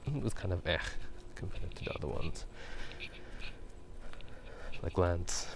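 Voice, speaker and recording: At night, walking near a park, a man hosts an ASMR video, speaking softly in a casual, rambling style that often drops into a breathy whisper. His voice is low-pitched and animated, yet hushed, halting and unhurried. The recording is clearly noisy with outdoor ambience.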